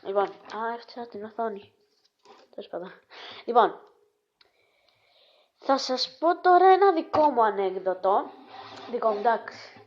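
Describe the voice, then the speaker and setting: A woman vlogger reading jokes aloud in a casual, halting way, with restarts and hesitations, and breaking off to chat to her dog. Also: on the high side, big pitch swings, muffled recording, a little hiss or hum.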